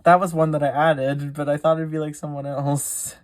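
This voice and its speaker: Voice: medium pitch, level tone, moderate pace. A video creator casually reading out a game simulator's events, adding chatty, giggly asides and stumbling over words.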